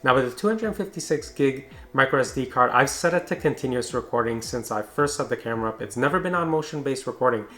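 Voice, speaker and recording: A man with a mid-pitched voice narrates a product review. He explains things informally, in an easy conversational style. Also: lively intonation, fast, few pauses, sharp tone.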